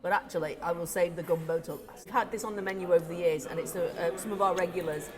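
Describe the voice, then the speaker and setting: Woman chatting while she eats, lowish voice, lots of ums, busy crowd noise in the back. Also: fairly even intonation, quick pace. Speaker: deli owner co-host. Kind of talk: casual tasting chat. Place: deli or shop indoors.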